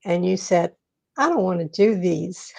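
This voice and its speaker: A woman hosts an interview in a chatty, animated way, leafing through her notes as she reads out her guest's background. Her voice sits on the low side and sounds creaky and mellow, and she speaks a little slowly.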